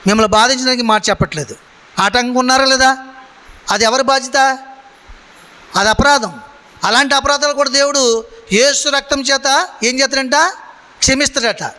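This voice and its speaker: A man's voice: very high-pitched, normal speed, long pauses, sharp tone. A man preaching a sermon to a congregation in a church, asking them questions and calling for their answers. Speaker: pastor. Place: church hall. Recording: long hall reverb.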